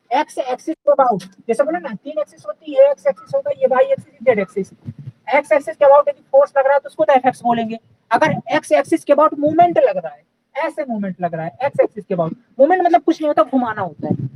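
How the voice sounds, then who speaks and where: Teaching engineering live online, this very high-pitched, slightly mellow-voiced man asks questions only to answer them himself, and he repeatedly checks in with "okay" and "clear?" His Hindi is peppered with English technical terms. Slight background noise comes through on a low-quality recording.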